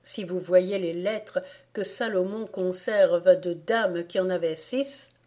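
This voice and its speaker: A woman's voice: fairly low pitch, slow pace, warm tone. Woman reading a lonely, bitter young boy. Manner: sorrowful, bitter.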